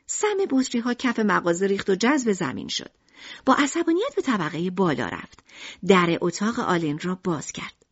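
A woman narrating an audiobook in an expressive storytelling manner. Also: medium pitch, breathy edge, dry recording, lo-fi sound.

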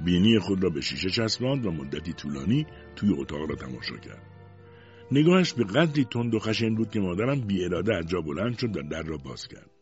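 Low husky guy reading a story aloud, very lively up and down, dull dry lo-fi sound. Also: faint music behind. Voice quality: expressive, dramatic storyteller. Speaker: narrator. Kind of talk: audiobook narration.

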